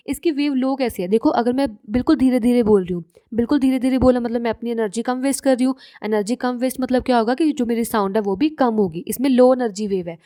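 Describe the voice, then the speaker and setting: Woman teacher, mellow higher voice, dry close sound, patient self-questioning lecture style. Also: dry recording. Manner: explains slowly, asks and answers her own questions; mixes English terms into Hindi. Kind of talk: classroom lecture.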